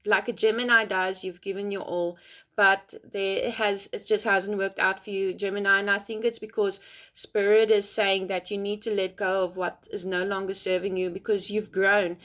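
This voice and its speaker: A woman's voice: medium pitch, level tone. Woman doing a heartfelt tarot reading. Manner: gentle, heartfelt, with many ums and pauses. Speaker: tarot reader. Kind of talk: casual spoken tarot reading.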